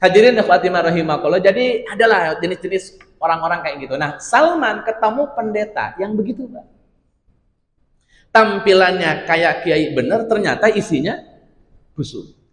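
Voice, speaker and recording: A man preaching an Islamic study sermon, telling stories with lively asides to his audience. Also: high voice, normal speed. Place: large mosque hall. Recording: echoey hall reverb.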